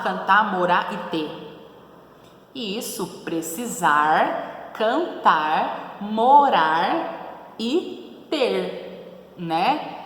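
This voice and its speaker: A woman's voice: mid-range voice, a bit bright. A woman teacher with a São Paulo accent giving a class, asking questions and answering them herself, checking in often. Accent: São Paulo Brazilian Portuguese. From São Paulo, Brazil. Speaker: schoolteacher. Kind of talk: recorded class lesson. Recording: very echoey roomy recording with faint noise.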